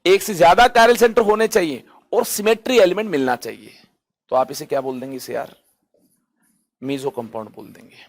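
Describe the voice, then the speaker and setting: A man teaching chemistry, asking rhetorical questions and answering them himself, stretching out key terms for emphasis. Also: a little high. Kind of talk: online lecture.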